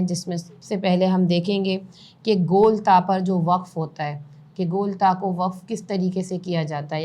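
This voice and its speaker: A woman's voice: fairly low pitch, warm tone. A woman teaching Quran reading step by step, patiently explaining rules and spelling out letters. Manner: patient, spells out letters and vowel marks slowly, recites in slow chant.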